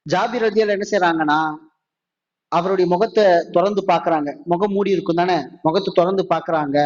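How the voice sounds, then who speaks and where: A Tamil-speaking man preaching a mosque sermon. He asks the audience many questions and slows down to recite quotes. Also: high-pitched, muffled recording.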